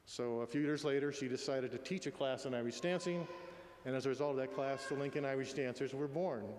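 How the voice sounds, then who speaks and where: A man's voice: medium pitch, a little fast, background noise. Tender, faltering older man in an echoey hall. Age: 60s. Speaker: widower giving a eulogy. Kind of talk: eulogy, spoken address. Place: large echoey room at a memorial gathering. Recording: echoey hall with long reverb.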